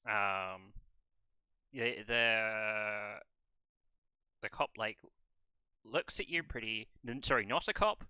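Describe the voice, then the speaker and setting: Male game master, hesitant narrator, sharp bright tone, crisp and dry. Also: on the low side, dry recording. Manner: halting, hesitant narration with many ums.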